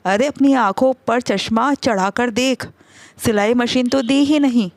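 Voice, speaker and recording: A meddling older aunt in a storybook tale points out faults in a nagging way, voiced by a woman. The voice is fairly high, with a dry close sound. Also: a little slow, no room sound, close to an everyday voice.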